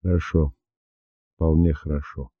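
A cold, bitter young man on death row, put on by a male reader. He speaks sourly, in short, low phrases. The audio is lo-fi and dry. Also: little pitch movement, measured pace, no room sound. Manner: sour, clipped. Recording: dull dry lo-fi recording.

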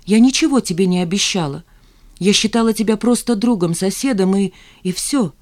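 A woman's voice: medium pitch, normal speed, a little mellow, natural voice. A woman reading an audiobook voices an insistent young woman pleading with her neighbor. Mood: earnest, insistent.

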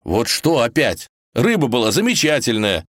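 A man's voice: mid-range voice, sing-song, a little fast, dry recording, clean studio sound, pitched above the performer's own voice, natural voice. A man voicing a stubborn, hot-headed young tsarevich in a storybook reading, argumentative and defensive.

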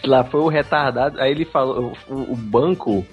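A male co-host tells a story at his own expense in a dry, self-mocking way. His voice sits at an average pitch. The sound is muffled and lo-fi, with faint music. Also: moderate pace. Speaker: podcast co-host. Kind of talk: comic storytelling.

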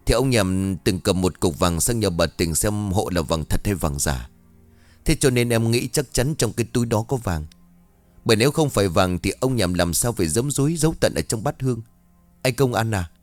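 A man's voice: lowish voice, dry recording, lightly acted. A man voicing a frightened young village man who sobs and stammers as he begs not to be arrested. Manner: pleading, sobbing, stammering.

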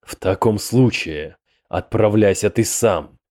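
A man voicing a hot-tempered rotting demon prince who speaks in sharp, fierce outbursts. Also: lowish voice, slow pace, no room sound, clean studio sound. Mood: cold.

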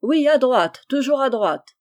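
A woman's voice: high-pitched, expressive, a little slow, darkish tone, pitched above the performer's own voice. Woman doing a young guy in love, ardent, cheery calls. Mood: calling out. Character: bold shy young man in love.

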